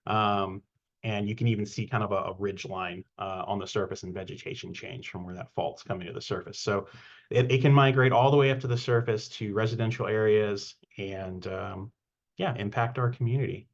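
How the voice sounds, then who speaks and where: A man giving a casual technical presentation on a webinar, relaxed and hesitant, with many ums and uhs. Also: fairly low pitch, brisk, highs cut off.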